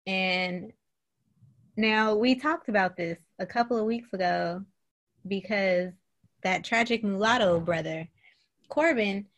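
Animated woman in her thirties recapping TV. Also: medium pitch, slow pace, long pauses. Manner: animated, laughing, profane storytelling. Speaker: podcast co-host. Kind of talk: casual chat recapping a TV show.

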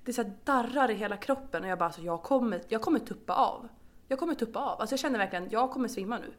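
A woman's voice: on the high side, expressive. A young woman co-hosting a casual podcast, telling a story at length and laughing often. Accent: Swedish. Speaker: podcast co-host. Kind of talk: casual chat.

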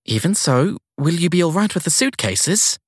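A flustered young woman at a guesthouse desk, voiced by a male narrator, stammering and eager to please. Her voice sits high above his own, husky and dry, with quick nervous bursts. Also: sing-song, no echo. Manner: hesitant, stammering and apologetic. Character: flustered young woman receptionist, anxious and apologetic.

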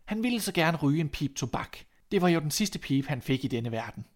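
A man reading a classic fairy tale aloud as narrator, in an expressive, measured storytelling manner. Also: on the high side.

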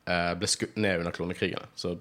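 A man's voice: low-pitched, level tone, a bit bright. A man with a Bergen accent, hosting a podcast in casual chat, talkative and laughing often. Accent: Bergen Norwegian. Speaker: podcast host.

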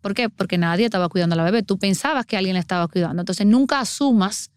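Woman, middle-aged, earnest explanatory podcast guest, crisp tone, dry recording. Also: mid-range voice, fast, dry recording. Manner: earnest, explanatory, acts out everyday scenes. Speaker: water safety instructor.

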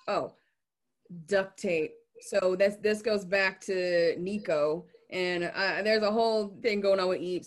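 A woman chatting casually about a TV series, blunt and profane, laughing often. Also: medium pitch.

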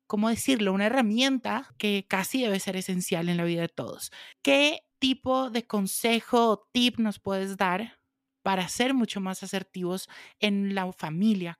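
A woman's voice: mid-range voice, no echo, studio quality. A woman hosting a podcast interview, emphatic and agreeing, asking her guest for advice. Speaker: podcast host. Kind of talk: conversational interview.

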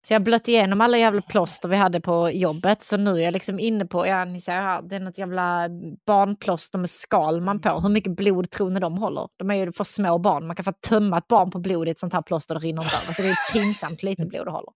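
A woman's voice: fairly low pitch, fairly even intonation, few pauses, no room sound, studio quality. A woman co-hosting a podcast in casual chat, telling stories bluntly and swearing freely. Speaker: podcast co-host.

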